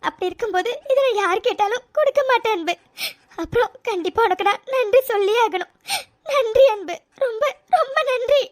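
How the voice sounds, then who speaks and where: A woman's voice: very high-pitched, quick pace. A woman voicing a sincere young woman in a cartoon, tearful and pleading, often repeating her words. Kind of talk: cartoon voice acting.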